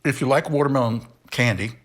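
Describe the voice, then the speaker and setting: A man's voice: medium pitch, fairly quick, a bit bright. A middle-aged man hosting a casual solo candy review, rambling and correcting himself as he talks and chews. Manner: rambling, self-correcting, talks while chewing. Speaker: candy reviewer, show host.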